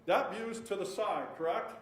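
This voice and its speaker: A man's voice: sits high, moderate pace. A man in a courtroom recording, questioning a witness with leading questions that end in "correct?". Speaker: defense attorney. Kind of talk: courtroom cross-examination. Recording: echoey courtroom, distant mic, faint noise.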